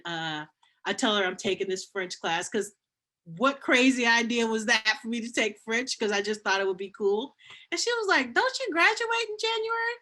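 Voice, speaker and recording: Bright-voiced woman telling stories lively. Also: lowish voice. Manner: animated, acts out quoted voices, frequent restarts. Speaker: university dean, interview guest. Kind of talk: storytelling in a casual interview.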